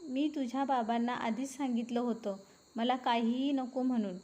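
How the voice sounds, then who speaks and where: A woman voicing a patient, apologetic young husband who coaxes softly. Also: on the high side, steady tone, moderate pace, natural voice. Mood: coaxing. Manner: coaxing, soft-spoken pleading.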